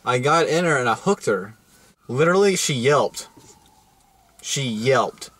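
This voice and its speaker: A man's voice: medium pitch, expressive, a little slow, a bit bright. A young man co-hosting a crude comedy show, telling rambling joking stories with slang and filler. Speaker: co-host.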